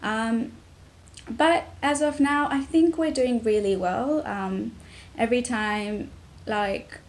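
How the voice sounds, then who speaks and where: A young woman from Tanzania, talking to camera about her family in a reflective way, with many pauses and restarts. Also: fairly high pitch. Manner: reflective, frequent ums and restarts. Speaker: vlogger. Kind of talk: personal talk to camera.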